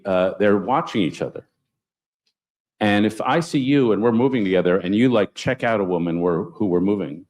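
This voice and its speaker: A man speaking on a conference panel, telling anecdotes with sudden upward jumps in pitch for emphasis. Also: darkish tone. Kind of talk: panel discussion storytelling.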